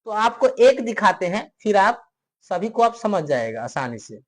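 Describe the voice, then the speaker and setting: A man's voice: high-pitched, sing-song, measured pace. Male teacher drilling a class. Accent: Hindi-speaking north Indian. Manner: repetitive question-and-answer drilling; answers his own questions for the class. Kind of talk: classroom lecture.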